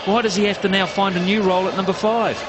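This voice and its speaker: A man's voice: sits high, steady tone, fast talker. A man working as a cricket commentator on live television, opinionated, emphatic and conversational. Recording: loud crowd noise behind broadcast voice. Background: loud stadium crowd.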